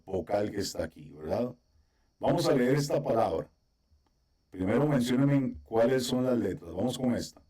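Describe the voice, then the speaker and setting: Over a video call, a man teaches a Biblical Hebrew class, explaining things patiently one step at a time and frequently checking in with his students. His voice is warm and mid-range.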